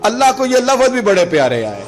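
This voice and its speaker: A man preaching an emotive sermon, swinging between loud exclamations and soft, slow Quranic recitation. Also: sits high, huge pitch swings.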